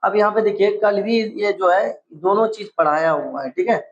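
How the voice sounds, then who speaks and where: A man with a somewhat high voice leads a casual exam-prep grammar lesson. He asks each question, then repeats the answer back to his students to make it stick. The recording sounds a little dull and lo-fi. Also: lively intonation, normal speed, slight background noise. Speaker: teacher.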